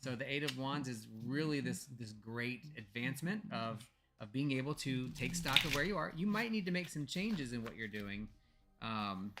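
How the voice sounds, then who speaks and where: A man's voice: medium pitch, animated, normal speed. A man with an American accent, co-hosting a casual livestream and reading tarot cards aloud, playful, with frequent ums. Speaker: podcast co-host reading tarot.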